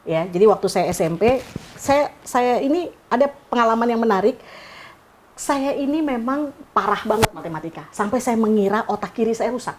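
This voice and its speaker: A middle-aged woman from Indonesia, a writer telling stories in an interview, lively and acting out dialogue. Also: on the high side, normal speed, a little hiss or hum. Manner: animated, acts out quoted dialogue. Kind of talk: casual storytelling.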